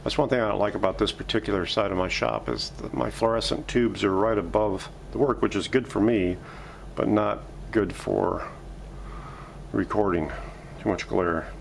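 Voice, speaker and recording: A man hosting a workshop video about restoring vintage radios narrates casually as he works at home, step by step, muttering to himself. He talks at normal speed in a fairly low voice with vocal fry, against a faint hiss or hum.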